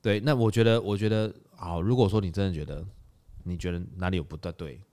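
A man co-hosts a casual podcast, telling a story at a quick clip. His voice sits fairly low, and he brings the scene to life by acting out what people said. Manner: animated, retells scenes with acted quotes. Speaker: podcast co-host.

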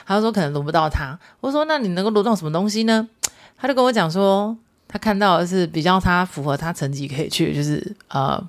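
A woman podcast host with a Taiwanese Mandarin accent, telling everyday stories in a chatty, casual monologue mixed with Hokkien phrases. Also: lowish voice.

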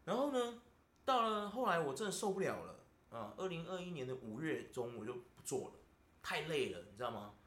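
A man's voice: fairly high pitch, very animated, fairly quick, a bit bright. A man with a Taiwanese Mandarin accent, hosting a podcast and venting in casual chat, constantly asking "you know?". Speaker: podcast host. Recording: roomy echo.

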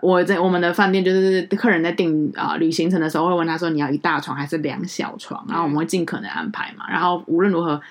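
A woman co-hosting a podcast in casual chat, telling a story in an animated way and acting out what others said. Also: fairly low pitch, fast talker, hardly any pauses. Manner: animated storyteller, acts out quoted people. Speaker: podcast co-host.

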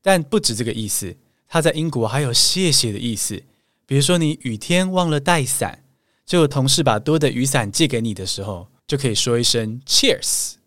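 A man's voice: mid-range voice, expressive, fairly quick, a bit bright, dry recording, studio quality. A man hosting a podcast English lesson, telling a travel story in a playful, teasing way. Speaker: podcast host and English speaking coach.

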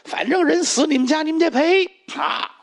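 A man's voice: extremely high pitch, moderate pace, vocal fry, voice pushed up. A male storyteller voicing a scheming middle-aged widow who wails and shrieks her demands. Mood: shrill. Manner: wailing then shrieking demands.

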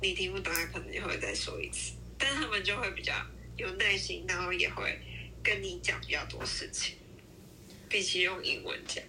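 A woman's voice: fairly low pitch, brisk, sharp tone, poor audio. A young woman talking casually as a podcast co-host, sharing personal anecdotes in an informal conversational way. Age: young adult. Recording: faint background noise.

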